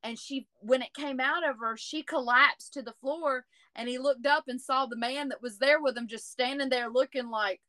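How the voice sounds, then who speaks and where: Bright animated woman telling stories. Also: sits high, moderate pace, few pauses. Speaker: podcast co-host. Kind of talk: casual storytelling.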